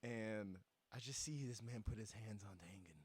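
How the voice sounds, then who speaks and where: A man co-hosting a podcast, telling a story in casual chat with lively delivery and lots of laughter. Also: fairly low pitch, moderate pace, slightly rough, dry recording. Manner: animated storyteller, acts out quoted voices, laughs often. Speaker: podcast co-host.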